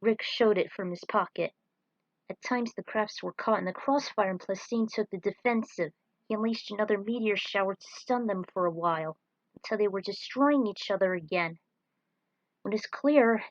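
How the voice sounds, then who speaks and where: A woman with a mid-range voice narrates her own action fan fiction aloud in a dramatic, scripted style. The recording is dry, dull, lo-fi, and close.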